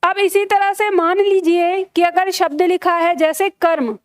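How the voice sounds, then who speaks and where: Young female teacher, high voice, dry close mic, patient and step by step. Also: fairly even intonation, dry recording. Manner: patient, repeats key terms slowly, checks "theek hai?". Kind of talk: live online grammar class.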